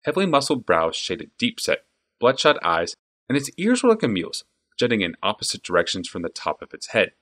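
A man narrating a fantasy audiobook with an expressive, varied delivery. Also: fairly low pitch, brisk.

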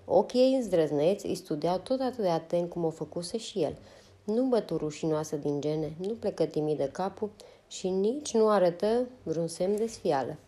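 A woman narrating a novel as an audiobook in a steady, unhurried reading. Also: lowish voice. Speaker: audiobook reader.

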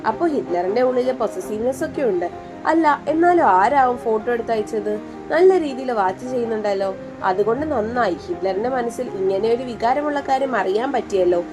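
Woman reading a cheeky young wife, playful, flustered, fairly high voice, music behind. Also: animated, fairly quick, close to an everyday voice.

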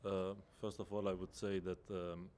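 Deep flat-voiced footballer. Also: male voice, normal speed. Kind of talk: post-match press conference answers. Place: indoor press room. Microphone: table microphone in front.

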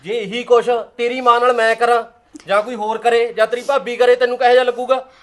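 A man's voice: extremely high pitch, little pitch movement, fast. A man playing a husband in a short-film drama, speaking earnestly and reproachfully.

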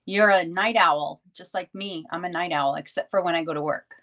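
Casting: middle-aged woman from New York, low-ish voice, chatty rambling live-stream host. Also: moderate pace, a bit bright, muffled recording. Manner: chatty, rambling, greets viewers by name. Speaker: livestream craft host. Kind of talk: casual live-stream chat.

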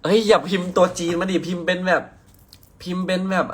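This young man's voice is high-pitched, slightly rough and fairly flat in pitch, and he talks fast. Hosting a laid-back phone live stream, he teases viewers playfully as he reads their comments and swears casually; he comes from Nakhon Si Thammarat, southern Thailand.

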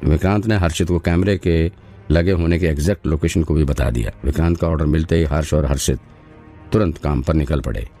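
A man reads a scripted audio story aloud in a steady storytelling manner. His voice is very deep, mellow and dark. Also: fairly quick, soft background music. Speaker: narrator.

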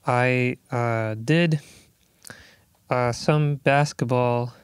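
Drawing out his words, the guest speaks in a mid-range, clean voice with fairly even intonation on a dry recording. He is a Puerto Rican musician in his thirties, thoughtful and reflective in a casual studio interview, with frequent fillers.

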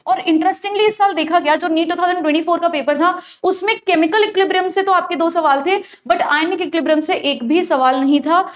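Lady chem teacher, high pitched, walks students through exam prep, switches into english terms a lot. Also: fast, few pauses. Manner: explains step by step, mixes English terms into Hindi. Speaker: chemistry teacher.

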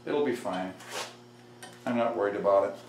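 Working on a build in his garage workshop, this middle-aged DIY host thinks out loud with folksy, self-mocking remarks, partly muttering to himself and partly to the viewer. His lowish, darkish voice moves at a normal pace, and tools clatter in the echoing room.

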